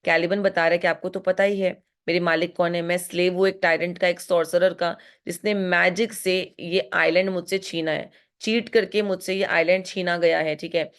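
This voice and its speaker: An Indian woman teaching literature, mixing Hindi and English as she goes through a play line by line and slowing to read the quoted lines aloud. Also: lowish voice, steady tone, clear, resonant tone. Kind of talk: line-by-line text explanation.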